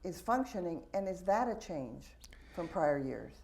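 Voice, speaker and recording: A woman's voice: lowish voice, very animated, unhurried, creaky, darkish tone. A woman moderating a panel discussion, asking long probing questions and calling on the audience. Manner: probing, wordy questions, self-deprecating.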